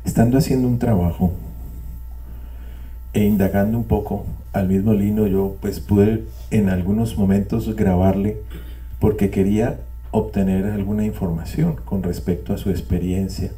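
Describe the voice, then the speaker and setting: A man's voice: on the low side, steady tone, normal speed, mellow, distant mic. An older man sharing a reflective, repetitive testimony with a live audience, with wry digressions. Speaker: speaker at a spiritual community gathering. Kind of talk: reflective testimony talk to a group. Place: meeting room with a live audience.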